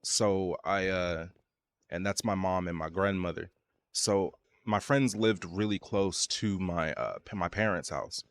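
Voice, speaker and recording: A man's voice: sits low, measured pace. A man casually telling a personal story, rambling with lots of fillers and restarts. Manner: loose, rambling, many fillers.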